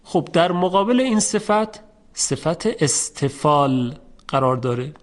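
A man teaching Quran recitation in a patient, methodical way, stretching out example sounds slowly and clearly. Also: fairly high pitch, animated. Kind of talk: instructional lesson.

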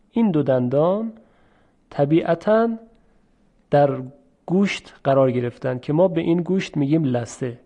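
Man, Quran pronunciation teacher, mellow low-bright voice, slightly high pitch, dull lo-fi recording. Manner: slow, deliberate explanation with repeated drill sounds. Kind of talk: explanatory lesson on letter pronunciation.

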